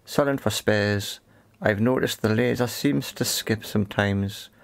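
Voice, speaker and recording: Speaking unhurriedly in a lowish voice, a man hosting an electronics repair video talks casually through a hands-on fix. His commentary is unscripted, delivered as short phrases while he thinks aloud.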